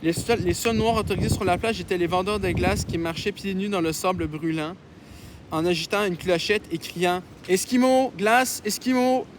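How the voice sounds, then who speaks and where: A man's voice: sits high, steady tone, normal speed, noisy background. A man reading a novel aloud outdoors in casual style, stumbling over words and breaking off into sarcastic, swearing asides. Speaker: audiobook reader. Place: outdoors in the wind.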